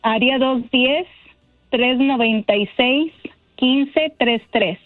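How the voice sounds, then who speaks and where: A cheerful, high-pitched woman talks over a tinny, dry phone line. She calls in to a radio show as a guest. She chats freely and laughs often. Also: slow, no echo, faint music behind. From born in Texas, raised in northern Mexico. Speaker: phone-in guest, bridal shop owner. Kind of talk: casual radio interview. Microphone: telephone.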